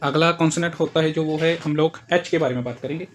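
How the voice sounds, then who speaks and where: In a language lesson delivered in Hindi, a man explains German pronunciation letter by letter, repeating each example word several times. His voice is on the high side, steady in tone and quick in pace, with a little hiss or hum in the recording.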